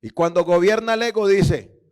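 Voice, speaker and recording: A male pastor preaching a sermon with passion, often rising to shouts and calling his listeners brother. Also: high-pitched, moderate pace, clear, resonant tone.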